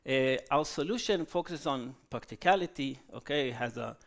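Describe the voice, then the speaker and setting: A man giving a technical conference talk, halting with fillers and checking in with "okay?" after each point. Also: medium pitch, lively intonation, vocal fry. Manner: frequent "okay?" tag questions, halting with fillers. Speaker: conference speaker. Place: conference hall.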